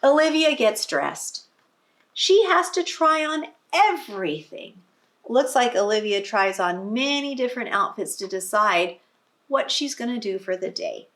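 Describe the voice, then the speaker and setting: On the high side and fairly bright, this woman's expressive voice moves a little slowly as she reads a picture book to young children. She addresses them teacher-style, explaining details and asking questions to prompt them.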